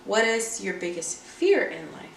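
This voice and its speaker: A woman with a creaky voice, co-hosting a casual and personal conversation. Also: medium pitch, big pitch swings, a little slow. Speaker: podcast co-host posing questions. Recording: echoey room, distant mic, faint noise.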